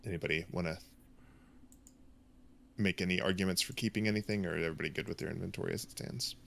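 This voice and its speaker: A male game master with a fairly low voice talks casually and hesitantly. He explains tabletop rules with frequent ums and restarts. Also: fairly even intonation, fast, vocal fry, a bit bright, slight background noise.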